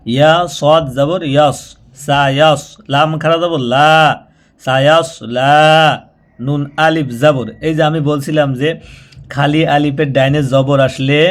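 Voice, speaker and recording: A man teaching Quran reading. He spells out syllables slowly and patiently, repeating them and drawing them out as he demonstrates. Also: a little high. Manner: patient, repetitive, slows down and draws out syllables when demonstrating. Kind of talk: spoken tutorial, spelling out and chanting syllables.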